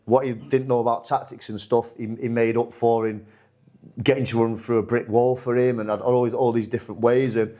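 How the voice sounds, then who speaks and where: A man, a football manager talking casually in a podcast interview, rambling with many restarts and lively when he quotes others. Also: medium pitch, a little fast.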